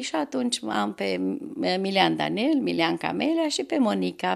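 An older woman in her sixties with a gravelly, creaky voice tells her faith story in an interview. She speaks earnestly and devoutly, and her voice climbs at the emotional peaks. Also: medium pitch. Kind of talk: emotional personal testimony.

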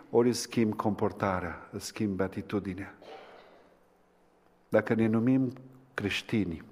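A man preaching a sermon, swinging between impassioned climaxes and hushed, quiet lines. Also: on the low side. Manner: impassioned, rising to fervent climaxes then dropping to hushed tones. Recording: long hall reverb.

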